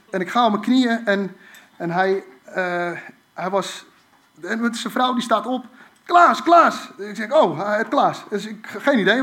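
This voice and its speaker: A man telling a personal story in a casual, animated way, with lots of fillers and restarts. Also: sits high. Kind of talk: casual spoken anecdote.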